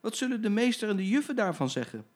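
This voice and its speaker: A man's voice: high voice, sing-song, fast, voice pushed up. An older man voicing a group of small, bewildered children asking where they are going, in a children's story read aloud. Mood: worried.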